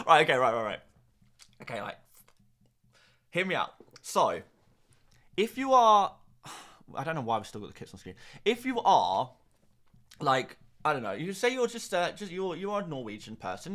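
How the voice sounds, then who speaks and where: A young man with a mid-range, fairly bright voice hosts a livestream, chatting casually and reading out viewer comments. He's playful and rambling, with lots of restarts and laughter.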